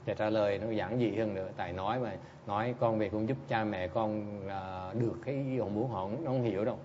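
Man, Buddhist teacher, dharma talk, blunt and teasing, middle pitch, muffled lo-fi recording, faint background hiss. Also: a little fast, a little mellow. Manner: blunt, teasing, keeps prompting listeners with "Hả?". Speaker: Buddhist teacher answering audience questions.

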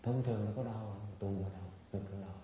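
A man's voice: fairly low pitch, fairly even intonation, a little fast, warm tone, slight background noise. A man giving an informal dharma talk to meditators, rambling and repeating words, chuckling as he mimics his students. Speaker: meditation teacher. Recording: dull, very echoey room recording.

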